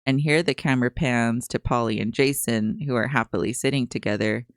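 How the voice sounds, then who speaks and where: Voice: mid-range voice, fairly quick, dry recording, studio quality. Podcast co-host with a mock newscaster read. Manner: reads recap notes in a mock newscaster voice. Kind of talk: episode recap and casual chat.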